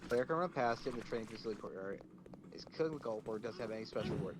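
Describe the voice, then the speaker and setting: A man's voice: on the low side, expressive, noisy background. Casual man reading game notes. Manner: reads game text aloud, halting. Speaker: game streamer. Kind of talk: casual chat while playing.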